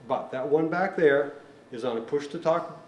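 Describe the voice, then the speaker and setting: In a large hall, a man with a fairly high voice and moderate pace teaches a hands-on equipment lesson as a technician. His explanations are methodical and plain-spoken, recorded on a distant mic with roomy echo and faint noise.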